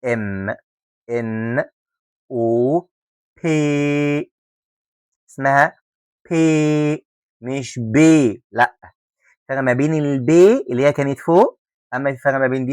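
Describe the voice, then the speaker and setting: A man's voice: mid-range voice, smooth, no room sound. Young Egyptian male teacher, patient repeat-after-me drilling, dry close sound. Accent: Egyptian Arabic. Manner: drills letters slowly with repetition, joking asides. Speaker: French teacher. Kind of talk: spoken pronunciation lesson.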